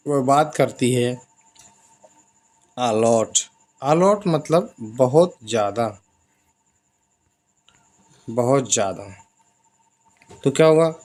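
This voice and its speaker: A man teaching basic English in Hindi, explaining each example and repeating the phrases slowly. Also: medium pitch. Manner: slow, drawn-out repetition of example phrases.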